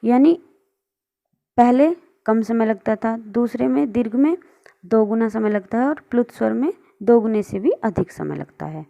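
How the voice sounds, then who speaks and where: Lady teacher going over grammar on screen, higher voice with some fry, mellow and kind of muffled, asks the class questions then answers them herself. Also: animated, unhurried. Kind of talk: online lesson explaining on screen.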